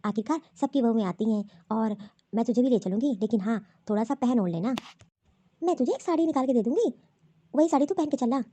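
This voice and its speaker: A woman voicing a scheming, scolding middle-aged mother-in-law in a cartoon, talking in a sharp, taunting, bossy way. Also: on the high side, lively intonation, a little fast, pitched below the performer's own voice. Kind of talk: cartoon voice acting.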